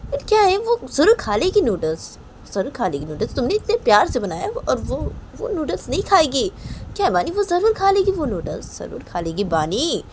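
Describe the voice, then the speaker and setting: A gentle but firm older aunt, voiced by a woman keeps reassuring someone, saying the same thing again and again. She speaks softly and low, with the odd rise when she presses a point. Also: slight background noise. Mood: insistent. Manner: soothing, repeats herself insistently.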